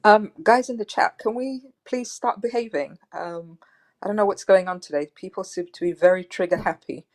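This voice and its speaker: A woman's voice: mid-range voice, moderate pace. A woman moderating a live online chat, politely but firmly asking the chat to behave and bringing in callers. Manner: polite but firm, many "um"s. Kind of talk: casual live-stream moderating.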